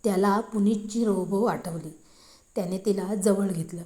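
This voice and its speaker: A woman narrating a scripted audio story as a storyteller, reading in a measured way. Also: mid-range voice, dark tone.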